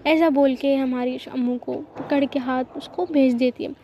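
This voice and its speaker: A woman's voice: high-pitched, steady tone, moderate pace, a little hiss or hum. A woman telling a story in a casual, chatty way with sympathetic asides, in a dull lo-fi recording.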